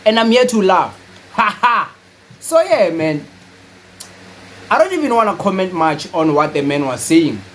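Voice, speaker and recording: A man's voice: a little high, slight background noise, low-quality recording. A young South African man giving casual, emphatic political commentary, repeating his points and slipping Zulu phrases into his speech. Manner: animated, repetitive and emphatic, mixes in Zulu phrases.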